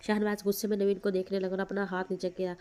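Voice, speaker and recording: A woman reads an audio novel aloud in a steady storytelling manner. Her voice is mellow and warm. The delivery stays flat and even. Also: mid-range voice, fast, smooth. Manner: steady storytelling read with small restarts. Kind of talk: scripted narration.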